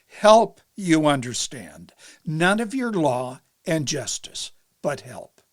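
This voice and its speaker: A man's voice: fairly high pitch, big pitch swings, slow, dry recording, clean studio sound. A man quoting a blunt old-school ward politician. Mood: insistent.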